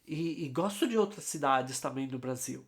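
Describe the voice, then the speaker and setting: Man playing a courteous foreign visitor, measured and formal, mid-pitched. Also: animated, close to an everyday voice. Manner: slow, careful, formal. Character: polite foreign man speaking careful Portuguese.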